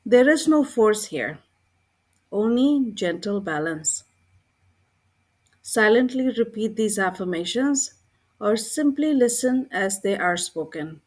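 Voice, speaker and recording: This is a scripted guided meditation read by a woman whose voice is slightly rough and sits at an average pitch for a woman. Her delivery is calm and gentle, using short, measured phrases with unhurried pauses between them.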